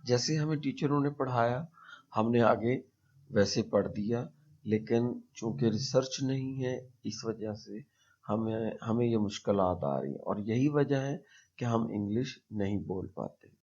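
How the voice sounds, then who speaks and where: A man with a Pakistani accent teaching a pronunciation lesson, speaking slowly and deliberately and repeating example words to demonstrate them. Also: medium pitch, a little mellow, husky. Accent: Pakistani Urdu-speaking. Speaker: English teacher. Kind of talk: explanatory language lesson. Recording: dull lo-fi recording.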